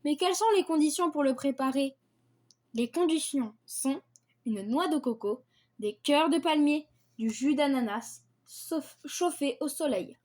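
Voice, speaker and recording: High-voiced woman reading a list. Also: expressive, a little slow, a little mellow. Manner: reads from a script, repeats set phrases, occasional stumbles. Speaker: video creator presenting invented dishes. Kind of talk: read-aloud list presentation.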